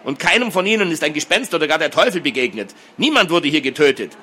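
A man's voice: mid-range voice, brisk, bright, forceful tone, slightly rough. A man reading a fantasy story and voicing a bold, mocking teenage boy who brushes off his sister's fears. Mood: scornful brusque. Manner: brusque, scornful.

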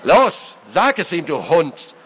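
A man's voice: on the high side, measured pace, a little hiss or hum. A man voicing a raging bitter old lord, barking. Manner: growling, barking, shouting in rage. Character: bitter, furious middle-aged male lord, crippled veteran.

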